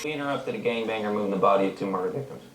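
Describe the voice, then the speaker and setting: A man's voice: lowish voice, background noise, close to an everyday voice. An actor playing a brusque, sarcastic male federal agent giving orders, heard from a TV clip. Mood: businesslike. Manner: quick, sarcastic, commanding. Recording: TV clip, echoey, music behind.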